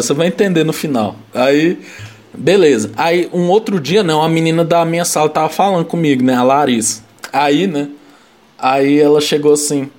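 A man's voice: fairly high pitch, a little mellow. A young man, casually telling a story in rambling chat, laughing and packing in slang fillers.

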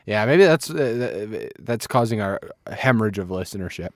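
A man's voice: fairly low pitch, lively intonation, moderate pace, no echo. A man with a Wisconsin accent chatting casually and a bit crudely as a podcast co-host reviewing beer, in a rambling way.

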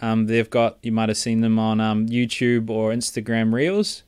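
A man's voice: fairly low pitch, fairly even intonation, normal speed, darkish tone, clean tone, no echo. A man making casual sales calls in a blokey, self-deprecating, joking way. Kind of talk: casual phone sales chat.

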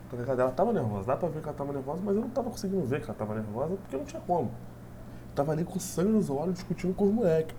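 A young man tells a personal story in a rapid, rambling stream, looping back on himself with fillers. His tone is dark and mellow, and a faint hiss sits under the recording. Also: on the high side. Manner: rambling, repetitive, full of "tipo assim" fillers.

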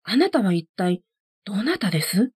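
A woman's voice: mid-range voice, very animated, normal speed, a little mellow, husky, no room sound, clean studio sound. A woman voicing a huge warrior monk who speaks in a polite, earnest way after being beaten, in a storybook reading. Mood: humble.

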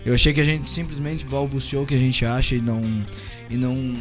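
A man's voice: medium pitch, steady tone, a little fast, faint music behind. A man talking reflectively and hesitantly as a co-host on a casual web radio show.

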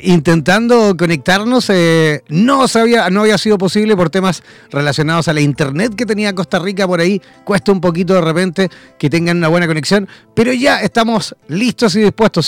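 Male host with a high, gravelly voice, enthusiastic and formal, dry close sound. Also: brisk, hardly any pauses, dry recording, soft background music. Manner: enthusiastic, formal emcee introductions. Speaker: talk show host. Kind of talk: online talk show interview.

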